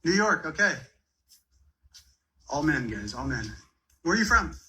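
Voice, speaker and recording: A man questioning arriving migrants, asking brisk, repetitive questions. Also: on the high side, very animated, bright, forceful tone. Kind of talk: rapid street questioning.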